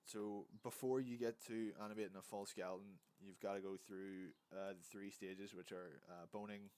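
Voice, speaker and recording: A man's voice: lowish voice, steady tone, moderate pace, a little mellow, smooth. A man, hungover, rambling through a casual animation tutorial at his computer, often correcting himself. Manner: rambling, self-correcting, easygoing. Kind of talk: casual screen-recorded tutorial.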